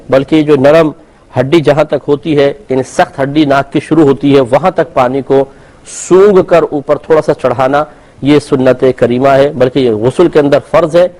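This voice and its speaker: A man hosting a call-in program, giving calm step-by-step religious instruction with occasional fillers. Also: a little high. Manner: measured explanatory teaching with fillers.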